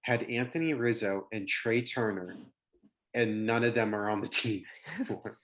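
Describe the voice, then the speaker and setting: A man's voice: lowish voice, moderate pace, a bit bright, low-quality recording. A man giving informal, opinionated sports takes as a podcast panelist.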